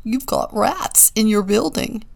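A woman's voice: fairly high pitch, expressive, a little slow, vocal fry, a little mellow, voice pushed up, heavily acted. A woman voicing a gleeful, gossiping male city pigeon in a storybook reading, with a burbling manner.

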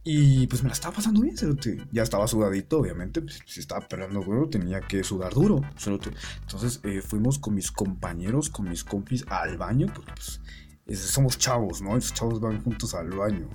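A man's voice: lowish voice, lively intonation, fairly quick, mellow, faint music behind. A man, co-hosting a podcast and telling stories in casual chat, rambling and swearing a lot. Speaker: podcast co-host.

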